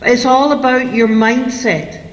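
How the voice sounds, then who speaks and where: A woman giving a lively lecture to parents on raising teenagers. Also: a little high, unhurried. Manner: lively, acts out parents and kids in quotes. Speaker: speaker on teen parenting. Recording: echoey hall, long reverb.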